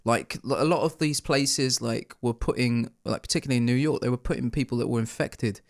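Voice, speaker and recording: A man's voice: mid-range voice, a little fast, no room sound, studio quality. A man co-hosting a podcast in casual chat, hesitant with lots of fillers and a sarcastic edge. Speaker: podcast co-host.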